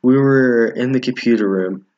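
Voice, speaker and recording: Playing a visual novel on stream with viewers, this man reads the game's dialogue out loud in a casual way, frequently tripping over or redoing lines. He speaks at a normal pace in a medium pitch with a somewhat dark tone, and the home setup sounds muffled and roomy.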